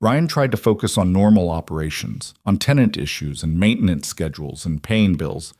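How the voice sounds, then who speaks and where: A man reading a scripted story in a calm, steady storytelling voice. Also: deep voice, dry recording, studio quality. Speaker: narrator. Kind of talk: scripted narration.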